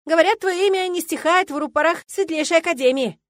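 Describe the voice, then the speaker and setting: A woman voicing a lively, cheeky young aristocratic woman in an audiobook, bright and eager in her sassy delivery. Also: very high voice, fast talker, no room sound, clean studio sound, voice pushed up. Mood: perky. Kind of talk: audiobook character voice.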